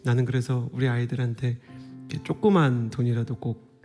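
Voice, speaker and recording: Male guest pastor, 30s, warm dark tone, intimate conversational preaching, faint music behind. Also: mid-range voice, steady tone, a little fast. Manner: earnest, conversational preaching with soft whispered asides. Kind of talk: revival sermon. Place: church sanctuary.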